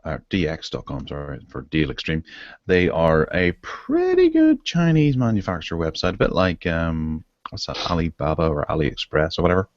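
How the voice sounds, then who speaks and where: A man hosting a casual tech podcast over an online video call, chatty and relaxed as he leads the segments. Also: sits low, moderate pace, dry recording, highs cut off. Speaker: podcast host.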